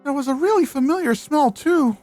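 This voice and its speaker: A woman voices a video game character: a fragile teenage spirit medium, distraught and guilt-ridden, earnestly and emotionally recounting events in a shaken mood. Her high, expressive voice is brisk and a little mellow, pitched above her natural register, with faint music behind.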